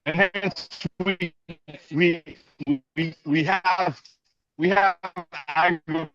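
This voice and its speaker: A man's voice: high voice, steady tone, slow pace, a bit bright, no echo, highs cut off. Man whose call audio keeps breaking up. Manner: insistent, interrupting. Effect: call audio breaking up, bluetooth cutting out. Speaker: audience member asking a question. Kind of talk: challenging question in an online Q&A. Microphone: video call.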